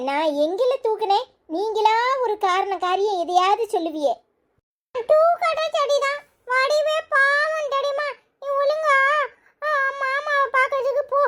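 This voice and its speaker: A woman voicing a chatty, teasing little village boy in a cartoon, with a squeaky, giggly voice. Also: fairly bright tone. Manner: teasing, rambling, singsong. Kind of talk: cartoon storytelling.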